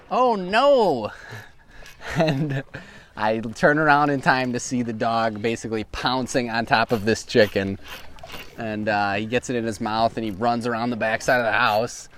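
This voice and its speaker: A man's voice: medium pitch, level tone, normal speed, a bit bright, clean tone. A man who runs a tree service, telling a casual, rambling story from a boat on the river, full of "like" and "you know.".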